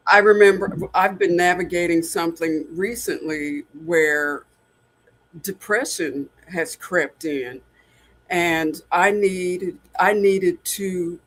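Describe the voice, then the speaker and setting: A man's voice: high voice, fairly bright tone. A man in his sixties hosting a casual podcast conversation, speaking in an earnest, openly personal way. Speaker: podcast host.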